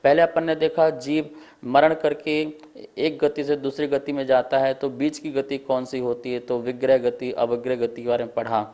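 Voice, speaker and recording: A man teaching a scripture lesson at a board, slowly and deliberately drilling the pronunciation of each word. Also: mid-range voice, level tone, mellow. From India.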